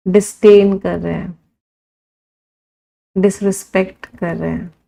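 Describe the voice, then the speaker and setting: A woman teacher runs an exam-prep vocabulary lesson, reading out long lists of words. She drags each word out so the class can note it down, counting aloud and picking up students' answers as they come in. Her voice sits at a middle pitch for a woman. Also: little pitch movement, gravelly, dark tone, low-quality recording. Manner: lists words slowly, drawing out each one for writing.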